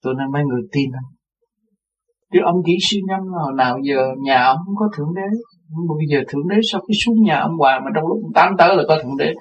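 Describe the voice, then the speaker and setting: An older man, a religious teacher, telling a personal story in an interview, animated and laughing as he acts out other people's words. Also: a little high, fast talker, a little hiss or hum. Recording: dull lo-fi recording.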